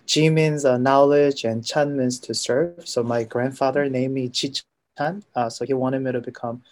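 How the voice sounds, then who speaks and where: A middle-aged man from Korea with a Korean accent, a guest in an interview, talking hesitantly with many filler pauses. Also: mid-range voice, fairly even intonation. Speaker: guest, forgiveness researcher and professor. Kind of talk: interview conversation.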